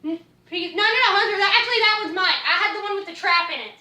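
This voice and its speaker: A child playing a video game, chatting excitedly and casually in an animated, slangy, complaining way. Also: very high-pitched, fast. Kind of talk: excited casual gaming chat. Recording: echoey room, distant mic, faint noise.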